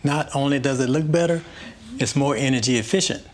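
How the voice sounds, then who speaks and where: A man in his fifties playing a homeowner in a scripted living room chat, calm and measured. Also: medium pitch, a little hiss or hum. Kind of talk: scripted conversation.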